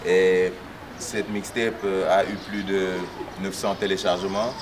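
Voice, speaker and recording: A male rapper appears as a guest, answering casually and relaxed, with lots of fillers such as "tu vois." His voice sits low and unhurried, picked up by a distant mic amid noisy ambience.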